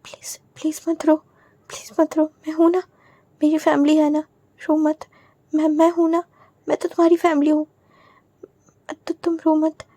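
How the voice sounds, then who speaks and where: Woman doing a soothing young man in a storybook tale, soft, mellow tone, high voice. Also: monotone, moderate pace, long pauses, dry recording. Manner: soft, soothing, firm when needed. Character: gentle, protective young man.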